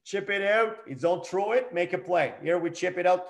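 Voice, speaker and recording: A man's voice: high voice, a little fast, creaky. Give me a middle-aged male hockey coach breaking down game video in short, punchy, repeated phrases. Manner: short emphatic phrases, repeats key points. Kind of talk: coaching talk over game video clips.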